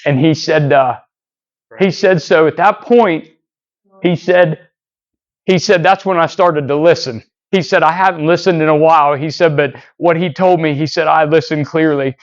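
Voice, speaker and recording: Male preacher, rambling storyteller, higher-pitched, lo-fi church recording. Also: normal speed. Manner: rambling, repeats "so anyways" and restarts, acts out quoted dialogue. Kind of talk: sermon storytelling.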